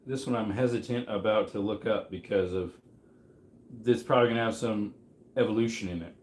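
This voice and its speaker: A man's voice: on the low side, fairly quick, darkish tone, reverberant, a little hiss or hum. A man in his mid-thirties hosting a trivia livestream, rambling casually and reacting to chat as he goes. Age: 30s. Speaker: livestream host running trivia.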